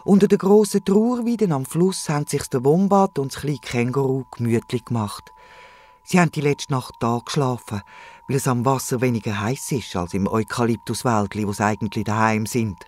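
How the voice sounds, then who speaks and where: A man with a Swiss German accent, narrating a children's radio play in a lively storytelling manner. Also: mid-range voice, normal speed, a little hiss or hum.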